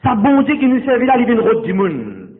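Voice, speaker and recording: A man preaches a sermon in church with a very high voice whose pitch swoops wildly, speaking briskly and blending in English words. Repetitive and exhorting, he calls straight out to the congregation, captured with a tinny, echoey hall sound.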